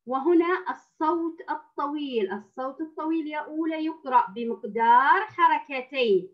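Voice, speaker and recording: A woman with a high voice teaches a reading lesson to young girls, drawing out each sound and repeating it patiently. The recording is dull and lo-fi. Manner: stretches sounds and words slowly for young pupils; addresses the class as girls, with patient repetition. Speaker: primary school teacher.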